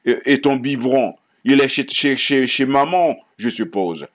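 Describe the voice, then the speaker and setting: A man's voice: medium pitch, animated, a little slow, lightly acted. A man voicing a contemptuous police officer who barks orders and mocks, in a read-aloud story. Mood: mocking. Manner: mocking, barking orders.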